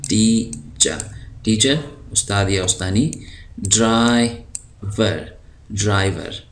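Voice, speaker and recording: Man, lowish voice, slow drawn-out words, patient explainer, faint background hiss. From Pakistan. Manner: stretches each vocabulary word out slowly, then explains it; patient, with frequent hesitation fillers. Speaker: English teacher. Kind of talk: recorded vocabulary lesson.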